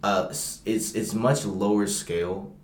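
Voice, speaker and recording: A young man co-hosting a casual podcast chat, excitable and slangy, calling everyone bro. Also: lowish voice, unhurried. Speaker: podcast co-host. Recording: roomy echo.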